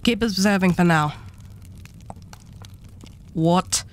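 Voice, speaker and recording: In a scripted ASMR roleplay, a woman with a fairly low-pitched voice plays a relic-hoarding arch devil. She's unhurried and condescending, politely menacing, with a haughty, amused air.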